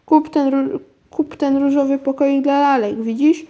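A sly witch disguised as a sweet saleswoman, read by a woman. She wheedles and coaxes in a bright, slightly high voice, all sugary persuasion. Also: fairly even intonation, a little slow, muffled recording. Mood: coaxing. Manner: coaxing, wheedling.

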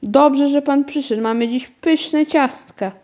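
A dreamy, scatterbrained elderly aunt from a children's storybook, put on by a woman reading the story. She talks slowly and coaxingly, drifting off into daydreams. The voice sits somewhat higher than the plain narration. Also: a little mellow. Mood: dreamy, hospitable.

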